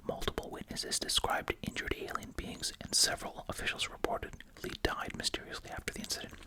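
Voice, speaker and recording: The ASMR host keeps a brisk pace, whispering breathily and unvoiced right at the mic while chewing gum through the words. Reading aloud mixes with chatty asides.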